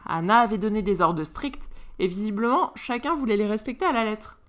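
A woman reading a romance novel aloud in a lively, animated way. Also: mid-range voice, fairly quick. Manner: lively, animated, voices all characters. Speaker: narrator.

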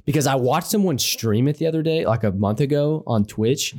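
A young man co-hosting a casual podcast chat, quick and animated, laughing often. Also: mid-range voice. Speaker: podcast co-host.

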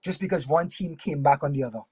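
Husky-voiced male sports broadcaster. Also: fairly high pitch, no room sound. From Trinidad and Tobago. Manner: relaxed, friendly, with fillers and pauses. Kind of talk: casual interview chat.

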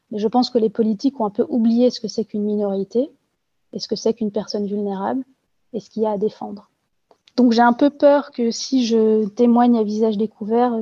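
A woman's voice: a little high, mellow, slightly rough, dry recording, dull audio. A woman testifying anonymously in an interview, talking earnestly with frequent hesitations and fillers. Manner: hesitant, many fillers and restarts.

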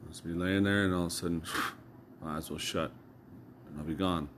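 A man's voice: low-pitched, fairly even intonation, a little fast, a little hiss or hum. A man talking casually in a loose, rambling monologue, cursing and chuckling as he recounts things. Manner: loose storytelling with swearing and laughs.

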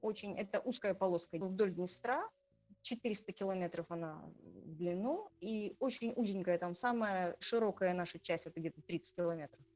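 A woman in her forties from Transnistria, a journalist speaking in an interview in a proud, thoughtful way with hesitant pauses. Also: on the low side, darkish tone. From Transnistria, Moldova. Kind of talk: conversational interview.

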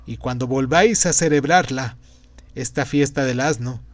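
A man's voice: medium pitch, normal speed, dry recording, natural voice. A man reading aloud and voicing a grave, fervent male prophet-sage in a declamatory way. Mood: exhorting. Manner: declamatory, exhorting. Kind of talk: audiobook reading.

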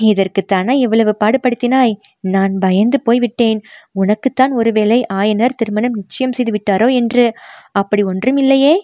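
A woman's voice: fairly high pitch, moderate pace, warm tone, no echo, studio quality, close to an everyday voice. A woman voicing a playful young royal prince in an audiobook reading, bantering and scolding by turns. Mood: amused.

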